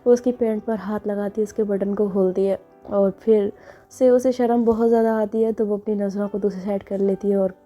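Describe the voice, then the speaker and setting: A woman's voice: mid-range voice, fairly even intonation, fairly quick, mellow, faint music behind. A woman telling a romance story in a chatty, conversational way. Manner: chatty, conversational, frequent "na" tags. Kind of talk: casual story narration.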